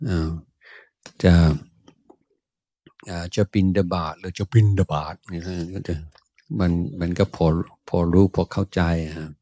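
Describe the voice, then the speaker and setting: A Buddhist monk answering questions in a Dhamma talk, thoughtful and unhurried, pausing often with drawn-out "ah" sounds. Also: male voice, low-pitched, fairly even intonation, mellow. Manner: slow, thoughtful, many drawn-out "ah" pauses.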